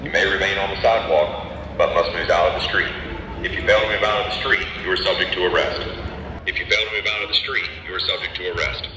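Deep, echoing man on a police loudspeaker. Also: fairly even intonation, fast, highs cut off. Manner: official, repetitive, instructing. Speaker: police announcer. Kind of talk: scripted legal warning, read out. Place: outdoors on city street. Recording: distant echoing loudspeaker with street noise.

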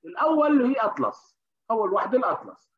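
A man giving an interactive medical lecture, often questioning the class and pausing with hesitations. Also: high voice, sing-song. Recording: dull lo-fi recording.

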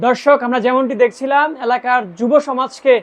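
A woman's voice: high-pitched, little pitch movement, fairly quick. A woman with a Bangladeshi accent presenting scripted news and commentary, addressing viewers directly in an emphatic way.

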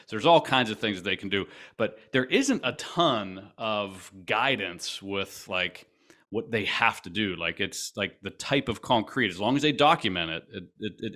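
Lower-voiced man explaining in a podcast. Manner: explanatory, animated with hand gestures. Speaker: podcast co-host. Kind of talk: casual podcast chat. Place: small room at home. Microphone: desk mic on stand, video call.

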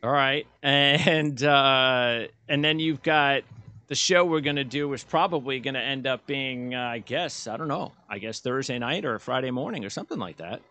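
Middle-aged male host, chatty and rambling, bright forceful tone, dry close sound. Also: medium pitch, normal speed, no room sound. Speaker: podcast host. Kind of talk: casual sports chat. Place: home room, indoors.

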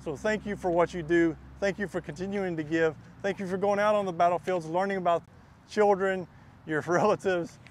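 A middle-aged man with a fairly high voice gives an earnest talk outdoors by a churchyard. He speaks through a clip-on lapel mic, and light traffic sounds carry in the open air. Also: steady tone, brisk. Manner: earnest, reads from a paper, thanks donors. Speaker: guest speaker from a preservation group. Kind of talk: outdoor talk reading a quote aloud. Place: outdoors beside a churchyard cemetery.

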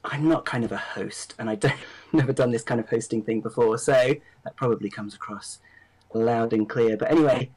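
A man's voice: mid-range voice, moderate pace, darkish tone, breathy edge, poor audio. A man doing an interview, speaking in a rambling way with many fillers and generous thanks. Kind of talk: casual interview.

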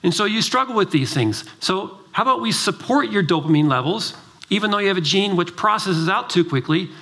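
A man's voice: high voice, fairly quick. A middle-aged man, a doctor, giving an emphatic, driven summit presentation and telling stories with acted-out dialogue. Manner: animated storytelling, acts out dialogue. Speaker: doctor giving a conference talk.

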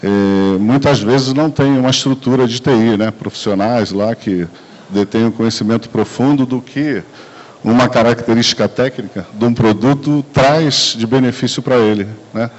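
Holding a mic in a large conference room, a Brazilian man delivers a sales talk at normal speed in a medium-pitched voice. He keeps things relaxed and conversational, leaning on tag questions and fillers. The sound is dull, lo-fi camcorder audio recorded from far away.

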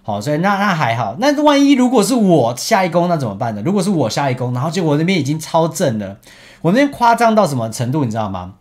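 Animated young Taiwanese man, chatty storyteller. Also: on the high side, fast talker. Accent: Taiwanese Mandarin. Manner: animated, chatty, laughs often. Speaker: esports team captain. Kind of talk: casual storytelling over gameplay footage.

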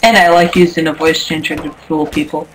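A game player talking through a pitch-shifted voice changer, teasing with menacing jokes in casual game chat. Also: little pitch movement, fairly quick, slight background noise, low-quality recording. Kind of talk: casual game chat, playing a creepy clown.

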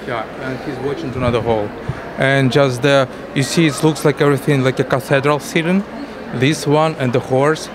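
A middle-aged man from Ukraine with a Russian accent, giving halting interview answers in broken English as a painter. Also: mid-range voice, steady tone. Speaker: exhibiting painter being interviewed. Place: indoor art exhibition booth. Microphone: interviewer's handheld microphone. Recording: noisy exhibition hall ambience.

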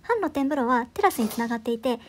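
A travel vlogger in her thirties narrates a scripted voice-over in a quick, high, bright, expressive voice, upbeat and enthusiastic. She goes over each detail as though pleased with it, with slight background noise present.

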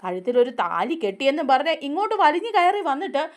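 A woman voicing an indignant, jealous young woman from a TV serial who bursts out in shrill, accusing lines. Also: big pitch swings, quick pace.

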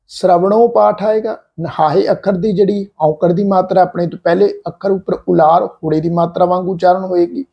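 A man with a Punjabi accent teaches pronunciation in a high voice with a gravelly edge. He spells words out letter by letter at a patient, deliberate pace. He repeats each sound slowly so listeners can follow. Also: mellow. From Punjab, India. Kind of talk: slow, deliberate pronunciation lesson.

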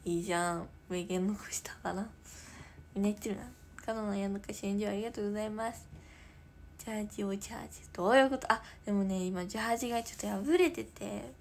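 A teenage girl streaming live in her room, chatting casually, reading viewer comments aloud and drifting into soft whispers. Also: mid-range voice, rapid-fire, vocal fry, a little hiss or hum. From Japan. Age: teens. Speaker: idol livestreamer.

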